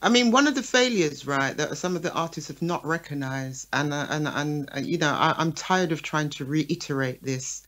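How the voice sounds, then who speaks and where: With a low voice, a moderate pace, and few pauses, this promoter co-hosts a talk show on the radio. She puts her points across in a lively way and often checks that listeners are following with "right?" and "okay?".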